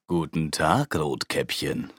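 A woman voicing a sly, hungry male wolf who speaks slowly and coaxingly. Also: a bass voice, no echo, studio quality, pitched below the performer's own voice, heavily acted. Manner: slow, coaxing and sinister.

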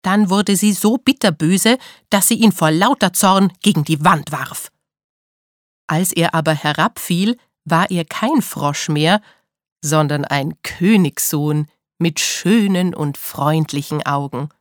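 A woman narrates a fairy tale in a clear, expressive reading voice. Her voice sits somewhat low. The recording is close and dry, with no room sound. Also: takes it slowly, no room sound. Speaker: storyteller. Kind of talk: storybook reading.

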